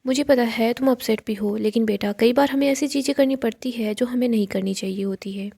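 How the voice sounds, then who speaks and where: A woman's voice: fairly high pitch, a little fast, vocal fry, mellow. Woman narrator reading a caring, strict mother. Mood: tender.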